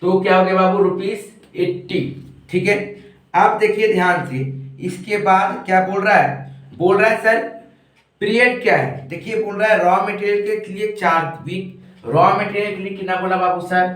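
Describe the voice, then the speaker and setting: A man with a high voice teaches a lesson slowly, asking a question and then answering it himself. He sounds a little unwell. He is recorded from a distance in a very echoey room. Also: steady tone, a bit bright. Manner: talks slowly, keeps asking questions and answering them himself, calls listeners "babu". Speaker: commerce tutor. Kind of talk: online lecture working through a problem.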